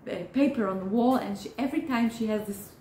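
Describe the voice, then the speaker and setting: Speaking directly to camera with advice, this Hebrew-native therapist sounds mellow and earnest, her voice on the high side. She encourages warmly yet stops and restarts frequently. There's a little hiss or hum and a roomy echo.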